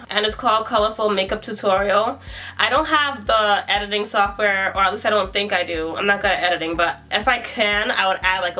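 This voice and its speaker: A young woman, a beauty vlogger, narrates a makeup tutorial at home in a bright, forceful, mid-range voice. She's chatty and self-deprecating, thinking out loud as she works on camera.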